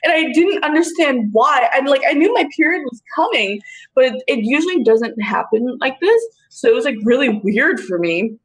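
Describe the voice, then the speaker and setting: A woman with a high voice chatting frankly and swearing freely. She agrees quickly and fires back with sassy retorts. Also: sing-song. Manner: candid and profane, quick to agree and sass back. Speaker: podcast co-host. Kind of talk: casual chat.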